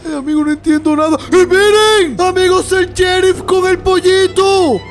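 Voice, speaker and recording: A man hosting his channel, excitedly reacting to a game trailer and talking to his viewers as friends. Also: extremely high pitch, moderate pace, soft background music. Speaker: YouTuber host.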